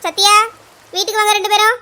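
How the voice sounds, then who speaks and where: A woman's voice: extremely high pitch, level tone, bright, forceful tone, soft background music. A woman voicing a strict, scolding mother in a cartoon, speaking with a Kanyakumari Tamil accent. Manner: scolding, rapid. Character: scolding village mother Chinnaponnu, anxious and strict. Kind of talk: cartoon voice acting.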